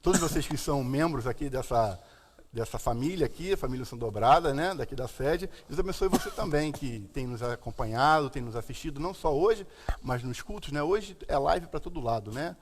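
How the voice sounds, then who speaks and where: A man's voice: mid-range voice, lively intonation, a little fast. A Brazilian man with a lisp and slushy s sounds, teaching the Bible informally as a pastor hosting a live stream. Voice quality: lisp from a tied tongue, slushy s. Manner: explanatory, repeatedly checking with "né". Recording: long hall-like reverb.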